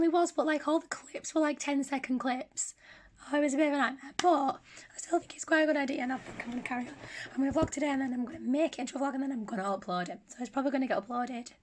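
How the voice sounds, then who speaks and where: A woman chats casually to her vlog, hoarse, her voice giving out and slipping into a whisper. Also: sits high. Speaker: vlogger. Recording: noisy handheld phone recording.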